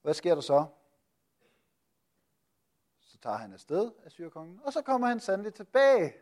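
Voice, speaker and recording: Man teaching a Bible lesson with a slightly high voice. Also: sing-song, a little mellow. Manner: rhetorical questions, frequent hesitations. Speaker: preacher.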